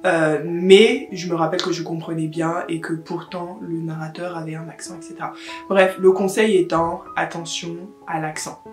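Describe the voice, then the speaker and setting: A woman talks casually to her viewers as a book vlogger, easy and chatty, dropping English words into her sentences. Her voice rings in a roomy, echoing space. Soft guitar music plays faintly underneath. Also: lowish voice, little pitch movement, moderate pace. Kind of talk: casual chat to camera.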